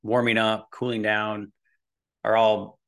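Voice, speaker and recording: A fitness and nutrition coach in his early forties, appearing as a podcast guest, talks casually and informally in a lowish, monotone voice, taking it slowly. His explanations tend to ramble.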